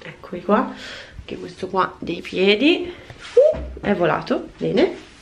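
A woman's voice: mid-range voice, big pitch swings, takes it slowly, vocal fry, slight background noise. A woman in her twenties chatting casually to viewers while she cleans a small bathroom, filmed by a camera on the counter. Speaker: vlogger. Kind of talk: casual cleaning vlog chat. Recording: echoey tiled room.

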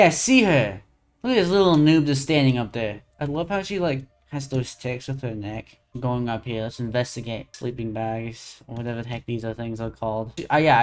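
A young man giving casual, excitable commentary while playing a horror video game, often laughing and saying "dude" and "bro". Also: mid-range voice. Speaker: gaming channel host.

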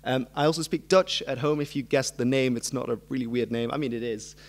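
A man's voice: medium pitch, steady tone, fairly quick. Young man giving an informal talk. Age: early 20s. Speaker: student giving a history lecture. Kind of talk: informal public talk with self-deprecating humour. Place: on stage in a hall before a seated audience. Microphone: microphone on a stand at a lectern.

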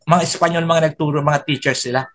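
A man's voice: on the high side, steady tone, quick pace, fairly bright tone. An older man, a Spanish professor, explaining words patiently in a casual chat. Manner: explains patiently and repeats points.

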